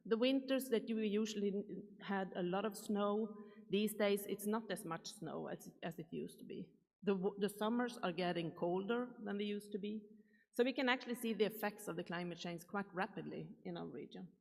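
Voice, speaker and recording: Speaking in a reverberant, large conference hall, this keynote speaker from Sweden keeps things conversational and poses questions to the crowd. She has a Swedish accent and a mid-range voice with vocal fry, moving at a moderate pace.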